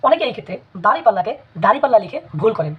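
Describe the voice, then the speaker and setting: Husky woman, brisk spelling teacher, muffled lo-fi mic. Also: on the high side, sing-song. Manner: measured, repeats words for emphasis. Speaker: language teacher. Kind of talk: spelling lesson. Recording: dull lo-fi recording.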